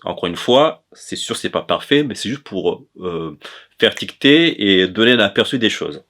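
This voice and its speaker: Lively intonation and a measured pace mark this man's lowish, slightly bright voice. He is a Comorian presenter of an educational chronicle on language, giving an informal, hesitant explanation and often stopping to correct himself.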